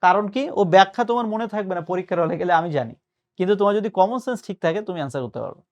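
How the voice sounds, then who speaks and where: A man's voice: high-pitched, lively intonation, very fast. A male tutor giving a patient spoken lesson, explaining and mixing in English words. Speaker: admission test tutor.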